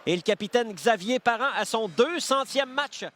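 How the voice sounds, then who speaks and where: A man giving excited hockey play-by-play, describing in full phrases and rising into shouted calls. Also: very high voice, normal speed. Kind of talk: excited sports commentary.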